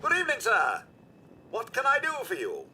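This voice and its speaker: A man voicing a polite robot butler in a video game, with a smooth synthetic robot sound and a formal, deferential manner. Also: very high-pitched, huge pitch swings, moderate pace, pushed and bright, full character voice. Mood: courteous. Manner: formal, deferential, addresses listener as sir and master. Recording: game audio over background noise.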